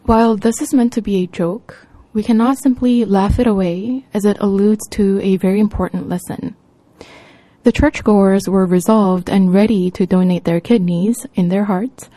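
A woman preacher delivers a sermon in a measured, deliberate way. Her voice is mellow and warm. The recording is dry and close. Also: mid-range voice, no room sound.

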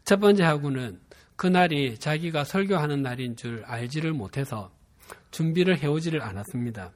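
A pastor in his fifties from Busan, South Korea, delivers a sermon with a Gyeongsang dialect accent. His mid-range voice stays measured and earnest as he shares a personal story.

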